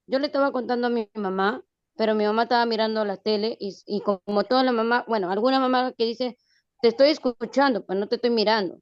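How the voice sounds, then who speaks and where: A female student sharing a personal experience in class discussion, rambling and halting with many fillers. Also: fairly high pitch, clean tone, dry recording. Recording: dull, lo-fi sound.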